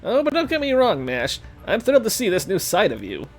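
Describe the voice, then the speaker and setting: A man's voice: high-pitched, huge pitch swings, a little fast, faint music behind, heavily acted. A man voicing a sly, smug young man who drawls and threatens casually while reading game dialogue. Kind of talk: reading a game's dialogue aloud.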